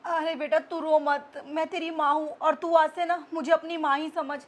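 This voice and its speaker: A woman's voice: high-pitched, steady tone, moderate pace, lightly acted. A woman playing a harsh, bossy middle-aged mother-in-law in a family melodrama, talking to her daughter-in-law. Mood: gentle, remorseful. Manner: bossy, scolding, then pleading. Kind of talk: amateur family melodrama acting.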